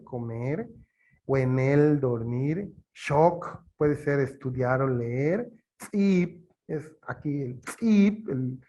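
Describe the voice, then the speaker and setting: A man from Yucatán, Mexico, with a Yucatán Spanish accent, teaches during an interview, explaining slowly and haltingly with lots of fillers. His pitch is medium.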